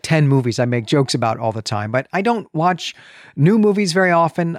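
A podcast co-host with a voice on the high side talks through a film and its plot in an earnest, emphatic, conversational way. There's no room sound in the recording.

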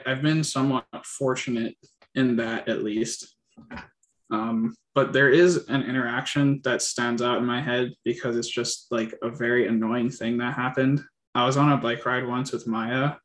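Guy rambling casually, lots of um and like, faint hum behind. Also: mid-range voice. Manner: hesitant, many fillers and restarts. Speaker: interviewee. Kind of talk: casual personal account.

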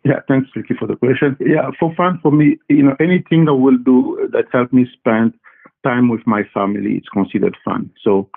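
A man who grew up in Congo answers students' questions in a halting way, full of fillers and repeated words. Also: mid-range voice, gravelly. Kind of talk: casual interview answers. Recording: tinny phone-like line.

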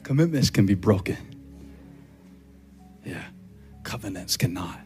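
A man preaching a sermon as a pastor, in a rhythmic style that stacks repeated phrases and climbs to shouts. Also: low-pitched, expressive, a little slow, soft background music.

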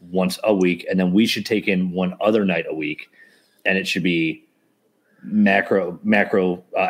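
A man's voice: sits low, husky. A man co-hosting a podcast, chatting casually and joking with his co-host. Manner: joking, banter. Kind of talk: casual chat.

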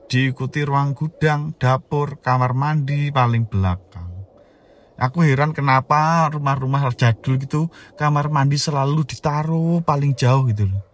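A man in his thirties with a Javanese accent recounts a childhood ghost story. His voice sits at an ordinary middle pitch. He keeps it lively and joking, dropping to a hush for the scary parts and jumping up again for the punchlines. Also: a little slow. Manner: animated, jokey, swings between hushed and loud. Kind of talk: casual horror storytelling.

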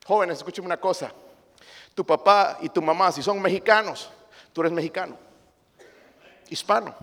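Impassioned high-voiced preacher in a reverberant church. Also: male voice, normal speed. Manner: impassioned, swings between loud emphasis and quiet asides; addresses listeners as brothers. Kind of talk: sermon.

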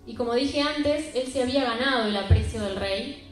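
A woman preaches in a conversational, storytelling way, with emphasis on key phrases. Her voice sits fairly high and rings through a hall with heavy echo. Soft music plays underneath. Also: moderate pace. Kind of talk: sermon. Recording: very echoey room with faint music.

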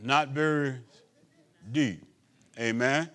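A male bishop preaching a sermon, asking "Amen?" of the congregation, swinging between loud emphatic lines and quiet asides. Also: mid-range voice, slow pace. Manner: preaching with call-and-response asides.

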